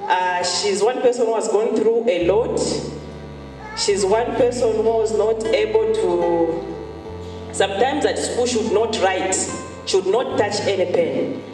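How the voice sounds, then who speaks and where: Earnest woman testifying in echoey hall. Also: mid-range voice. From Zambia. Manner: earnest, repeats key phrases for emphasis. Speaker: testifying church member. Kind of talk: church testimony. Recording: echoey hall, far from mic, music behind. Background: music.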